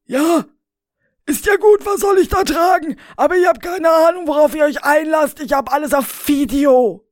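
A woman voices an arrogant, pudgy male YouTuber, squeaky and indignant. He protests in a high, strained voice. The sound is dry, with no room around it. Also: normal speed, no echo, close to an everyday voice. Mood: whiny. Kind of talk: amateur story reading.

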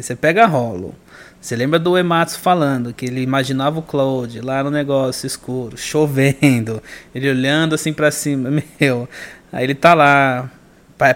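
A man chatting enthusiastically about games, often laughing as he talks. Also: mid-range voice. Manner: enthusiastic, laughs while talking. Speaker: podcast co-host. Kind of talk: casual gaming chat.

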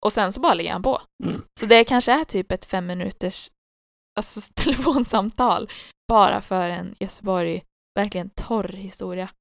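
A woman from co-hosting a podcast in casual chat, ironic and lively when telling stories. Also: medium pitch, gravelly, no room sound. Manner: playful, ironic, animated storytelling. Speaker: podcast co-host.

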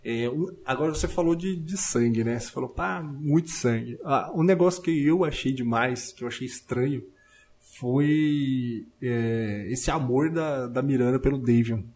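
A man with a slangy, animated way of talking, co-hosting a casual podcast chat with frequent restarts. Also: mid-range voice, normal speed. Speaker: podcast co-host.

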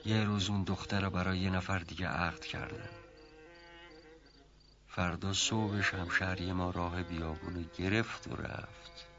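A rambling old rustic servant. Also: male voice, deep voice, steady tone. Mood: musing storytelling. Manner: folksy, rambling, hesitant then emphatic. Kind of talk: 1970s TV drama acting. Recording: muffled lo-fi TV audio.

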